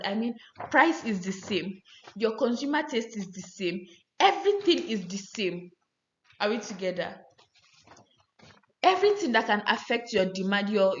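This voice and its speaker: A woman giving a fast economics lecture, often checking in with her students. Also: fairly high pitch, a little hiss or hum. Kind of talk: recorded classroom lecture. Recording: roomy, slightly dull audio.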